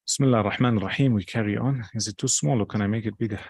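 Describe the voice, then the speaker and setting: A man's voice: fairly low pitch, very fast, creaky, darkish tone, breathy edge, no room sound. A man teaching a study circle, patiently explaining step by step. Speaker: religious teacher.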